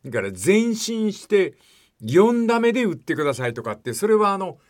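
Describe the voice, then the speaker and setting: A man's voice: high-pitched, sing-song, moderate pace. An older man hosting a radio talk show, telling stories in a rambling, folksy way and putting questions to his co-host.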